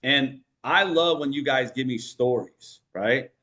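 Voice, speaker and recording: A man coaching a group on sales in an energetic, punchy way, often checking in with "right?". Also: mid-range voice, measured pace, lo-fi sound.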